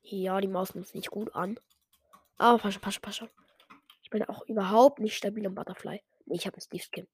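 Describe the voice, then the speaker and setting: A woman's voice: medium pitch, steady tone, a little fast, husky. A woman giving casual, self-mocking commentary while playing a game, muttering some lines under her breath. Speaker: gamer.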